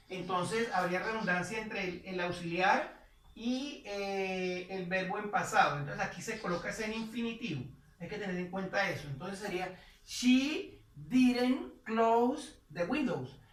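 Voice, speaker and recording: A woman's voice: mid-range voice, fairly bright tone. A woman teaching English grammar, explaining step by step and drawing out the example sentences. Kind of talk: slow whiteboard grammar lesson. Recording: echoey room from far off.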